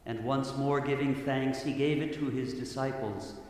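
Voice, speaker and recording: A man as a priest, reciting the prayers of Mass in a measured, solemn way, with a cathedral echo. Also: mid-range voice, fairly even intonation, darkish tone. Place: large church. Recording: cathedral echo, long reverb, faint hiss.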